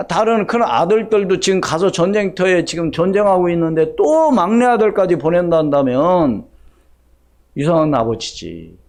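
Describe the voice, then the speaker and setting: A male pastor preaching a sermon in a church, firing rhetorical questions at the congregation and acting out what people say. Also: high-pitched. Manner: acts out quoted speech in shifting voices. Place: church sanctuary.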